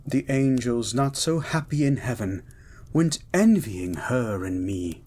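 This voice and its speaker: A man voicing a gentle, learned mutant beast as a devoted lover, speaking in a slow, hushed, formal and ardent way in a romantic audio roleplay. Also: mid-range voice, lively intonation, breathy edge. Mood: mournful, romantic. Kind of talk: romantic poetry reading and intimate audio roleplay.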